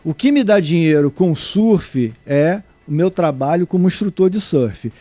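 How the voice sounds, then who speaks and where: A middle-aged man from Brazil, a guest surfer and surf instructor, answering interview questions in a halting way with many restarts. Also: fairly high pitch, expressive, dark tone, dry recording. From Brazil (born in Salvador, raised in Niterói). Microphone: remote mic, at first too far away.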